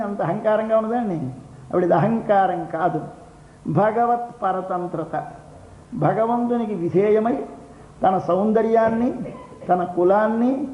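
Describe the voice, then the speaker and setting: An older man delivers a devotional discourse in a high, light voice. He repeats phrases as he explains each line. The recording is roomy and dull, with a faint hiss behind him. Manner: expounds slowly, repeats phrases, chants verses in song. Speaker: religious discourse speaker.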